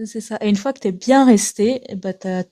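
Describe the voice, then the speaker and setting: A woman's voice: medium pitch, moderate pace, mellow. A woman joining a stream as a guest, chatting casually with a dry, teasing tone. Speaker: co-host guest. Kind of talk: casual chat.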